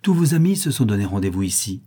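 A man's voice: fairly low pitch, very animated, fast talker, dark tone, breathy edge. A man reading a novel aloud and voicing a cheerful, friendly young woman who works as a seamstress. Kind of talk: audiobook character voice.

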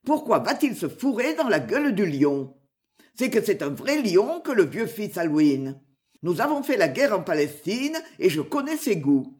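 A woman's voice: medium pitch, sing-song, moderate pace, a little mellow, lightly acted. A woman doing a mocking bearded outlaw. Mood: boastful. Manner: mocking, boastful, menacing.

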